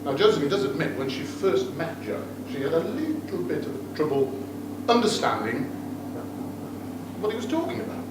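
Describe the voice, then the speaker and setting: The father of the groom, a middle-aged man from the United Kingdom, has a highish voice with wildly swooping pitch and speaks at normal speed. His toast at the wedding reception is full of jokes, teasing and playful asides to the guests, captured far away in a very echoey, noisy room.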